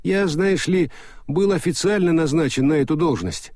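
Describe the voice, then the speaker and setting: A man's voice: fairly high pitch, moderate pace, darkish tone, no echo, pitched above the performer's own voice, close to an everyday voice. A man voicing a nervous, wry young con man asking anxious questions.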